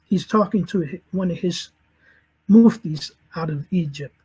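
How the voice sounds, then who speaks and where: A man's voice: high voice, unhurried, dark tone, slightly rough, low-quality recording. A middle-aged man from St. Louis, Missouri gives a personal conversion testimony. He is earnest and acts out whole conversations in quoted dialogue. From St. Louis, Missouri, USA. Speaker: convert telling his story.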